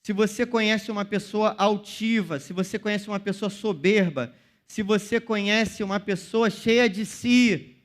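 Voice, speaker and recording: A young man with a Brazilian Portuguese accent preaching a casual youth sermon, full of slang and direct address to the listeners. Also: high-pitched. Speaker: youth pastor.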